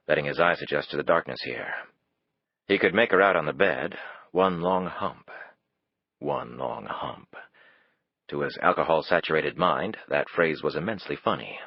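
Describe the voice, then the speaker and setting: Deep husky guy narrating an audiobook, steady and measured, dry dull lo-fi sound. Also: no echo. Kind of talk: scripted narration.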